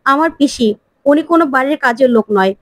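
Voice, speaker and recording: A woman voicing a gentle, hesitant young wife who is hurt. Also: sits high, lively intonation, fast, no room sound, studio quality.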